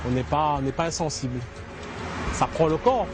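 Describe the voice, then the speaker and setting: A man calmly explaining rituals as a guide, outdoors. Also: on the high side, moderate pace, over music. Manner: calm explanatory, with "donc" and "voilà". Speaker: guide at a shrine. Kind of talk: explaining on site.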